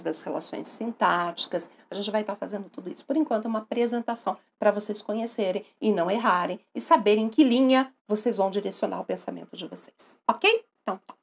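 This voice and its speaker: A woman with a Brazilian Portuguese accent teaching a recorded grammar lesson, lively and affectionate, often asking her students questions. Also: mid-range voice, gravelly, slightly rough.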